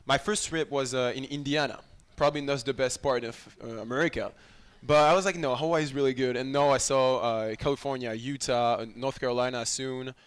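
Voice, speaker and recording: A young man speaks English with a clear French accent, his first language showing in the phrasing. He answers interview questions in a relaxed, animated way and laughs easily. The talk is unscripted and conversational. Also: mid-range voice, fairly quick, few pauses. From France. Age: young adult. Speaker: college volleyball player guest. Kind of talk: casual interview chat. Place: restaurant livestream.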